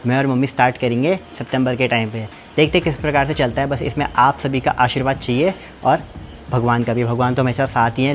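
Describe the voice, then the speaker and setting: A young man from Uttarakhand hosting a casual vlog, chatty and rambling, feverish with a blocked ear. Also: medium pitch. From Uttarakhand, India. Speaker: vlogger host.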